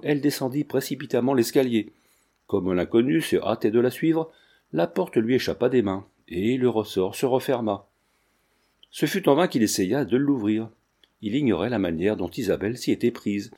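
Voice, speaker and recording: A man reading a classic novel aloud with a measured storytelling cadence. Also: on the low side, mellow. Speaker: audiobook reader.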